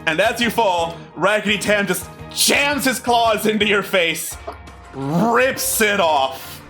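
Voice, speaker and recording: Male game master, lively narration, bright forceful voice, fairly high pitch, music behind. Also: slow. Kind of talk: animated tabletop game narration. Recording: background music under the voice.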